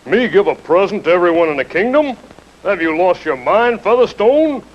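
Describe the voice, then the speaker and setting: Vain cheap blustery king, highish voice all over the place, comic fairy tale tv, muffled old audio. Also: big pitch swings, normal speed. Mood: indignant. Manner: blustery, colloquial, self-important. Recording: dull old recording, faint music.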